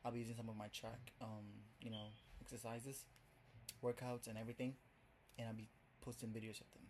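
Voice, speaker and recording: In his debut video blog, a young adult vlogger from Ghana chats and rambles to the camera in a Ghanaian accent, leaning heavily on fillers like "um" and "like." His medium-pitched voice is a touch mellow, brisk, and flat in delivery. A faint hiss or hum sits under the recording.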